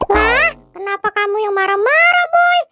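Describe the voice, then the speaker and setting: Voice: very high-pitched, animated. A performer voicing Doraemon, a greedy, carefree robot cat in a clown skit. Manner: slow, drawling, carefree. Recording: loud music underneath.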